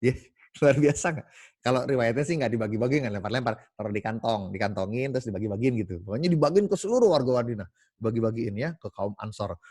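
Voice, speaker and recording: Animated man telling stories to colleagues. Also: medium pitch, quick pace, slightly rough, no room sound, clean studio sound. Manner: animated, many fillers and self-corrections. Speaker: team meeting speaker. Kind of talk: casual storytelling talk to colleagues.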